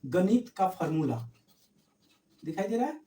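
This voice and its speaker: A man's voice: sits high, big pitch swings, unhurried, dark tone, far from the mic. A male teacher giving an exam revision lesson, repeating key points as questions to his students. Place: room with camera set back from the speaker. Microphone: distant camera mic. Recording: echoey room, voice from afar.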